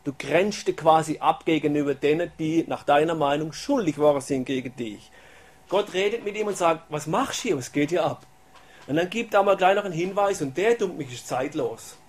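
A man's voice: a little high, fairly quick. A man preaching a casual sermon, often asking his listeners "oder?" and acting out the voices of people in the Bible story.

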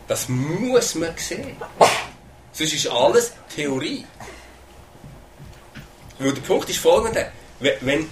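A man's voice: mid-range voice, a bit bright, slight background noise. A man with a Swiss German accent preaching a sermon in an earnest way, often repeating words and asking "oder?".

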